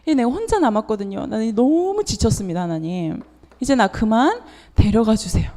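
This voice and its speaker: A woman's voice: a little high, sing-song, fairly quick, dark tone. A woman preacher voicing a weary, despairing male prophet who pleads with God, heard in a reverberant church hall. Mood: weary pleading. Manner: pleading, exhausted.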